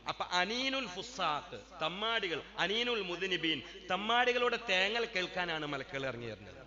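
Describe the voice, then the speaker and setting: A man preaching at a madrasa gathering, moving between chatty asides and loud, drawn-out chanted declamation. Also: high voice, big pitch swings. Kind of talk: Islamic sermon. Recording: dull lo-fi sound with long hall reverb.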